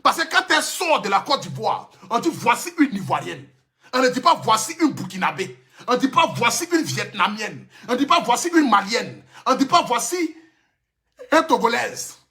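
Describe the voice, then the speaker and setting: A man's voice: very high voice, sing-song, moderate pace, sharp tone. A man with an Ivorian French accent giving an emphatic, impassioned live stream rant into his phone. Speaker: social media personality.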